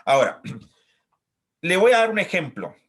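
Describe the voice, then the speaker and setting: A male pastor preaching a sermon, acting out pleas and quoted voices and swinging from loud to hushed. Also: sits high, big pitch swings, slow.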